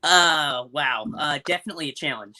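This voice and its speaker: A young adult man, a stage actor and Foley performer, casually answers interview questions over a video call from a room at home. His voice is on the high side at a normal speed. The call sounds clicky, with faint noise.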